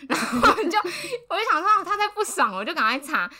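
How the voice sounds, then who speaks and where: A young adult woman telling a story in a casual podcast chat, animated, laughing often and acting out what people said. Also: very high-pitched, fast. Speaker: podcast co-host.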